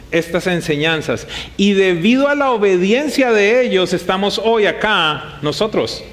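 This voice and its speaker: Preaching live before a gathered church, a pastor speaks in a raised, fairly high male voice. His sermon stays conversational, relying heavily on rhetorical questions aimed at the congregation.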